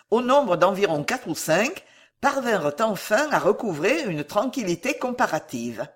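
Woman audiobook narrator, husky tone, expressive storytelling reads. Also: medium pitch. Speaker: audiobook reader. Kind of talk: scripted narration of a classic novel.

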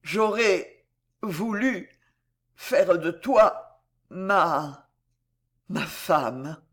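A reader voicing a timid, gentle dwarf man in a storybook who speaks softly and falters, as if dying. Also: high-pitched, heavily acted. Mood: tender. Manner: soft, slow, faltering. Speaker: storybook character. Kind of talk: dramatic audiobook reading.

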